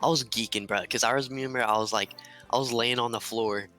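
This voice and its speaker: A young man in casual podcast chat, chiming in excitedly and swearing as he backs up a friend's story. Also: mid-range voice, brisk, soft background music. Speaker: podcast co-host.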